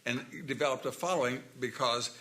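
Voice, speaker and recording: A man's voice: mid-range voice, brisk, bright, forceful tone. A man speaking at a forum panel, answering questions in an emphatic, plainspoken way. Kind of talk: panel remarks.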